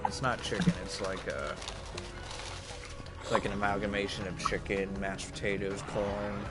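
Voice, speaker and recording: A man's voice: on the low side, steady tone, normal speed, loud music behind the voice. A man casually chatting on a live stream, rambling and swearing freely on a close headset mic. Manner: profane, rambling, laughs easily. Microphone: headset mic close to the face.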